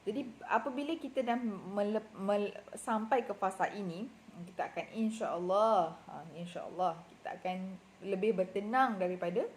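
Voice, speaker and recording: A woman's voice: mid-range voice, moderate pace, a little mellow. Woman, Malaysian Malay accent, middle-aged, casual advice talk, chatty with fillers, faint background noise. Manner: chatty, many fillers and self-corrections. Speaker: marriage and relationship advisor.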